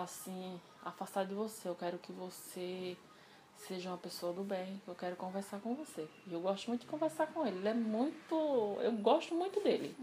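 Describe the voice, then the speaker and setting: A woman telling a personal story in a casual interview, animated and acting out the dialogue she quotes. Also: medium pitch, a little hiss or hum.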